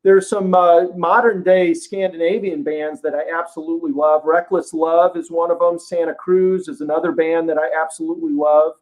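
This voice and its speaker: A man's voice: fairly high pitch, level tone, moderate pace, few pauses, rough recording. Enthusiastic man talking rock bands. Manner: enthusiastic, friendly rock fan. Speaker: musician guest. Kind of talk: casual interview chat.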